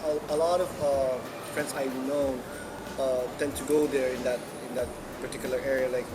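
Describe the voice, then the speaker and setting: A man's voice: mid-range voice, level tone, moderate pace. A male music teacher answering interview questions hesitantly, with many fillers and restarts. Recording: loud background noise, air conditioning.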